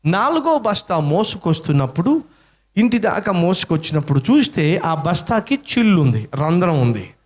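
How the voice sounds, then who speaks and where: A man's voice: high-pitched, very animated, moderate pace. A man preaching a sermon, telling a story dramatically with acted-out voices and rhetorical questions to the congregation. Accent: Telugu-speaking Indian.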